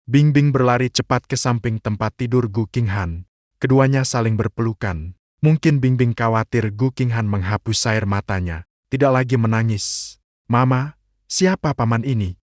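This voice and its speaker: Brief: steady male storyteller, middle pitch, dry close recording. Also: no echo. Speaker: story narrator. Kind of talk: first-person scripted narration.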